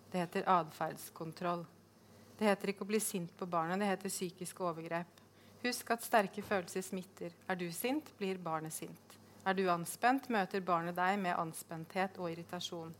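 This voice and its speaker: A woman reading aloud from her own novel, measured and deliberate, with sudden sharp outbursts in the dialogue. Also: fairly low pitch, slight background noise. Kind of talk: literary reading.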